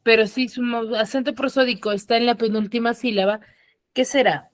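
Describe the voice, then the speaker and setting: A woman's voice: a little high, steady tone, brisk, dry recording. A woman teaching an online class, patiently explaining and often checking that her students follow. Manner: patient, asks frequent check questions. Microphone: computer mic on a video call.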